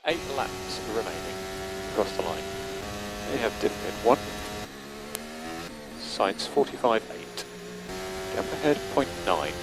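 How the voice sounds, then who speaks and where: On a noisy team radio with car noise, a race engineer offers clipped, matter-of-fact updates. His lowish, creaky voice is expressive yet slow, and he pauses often.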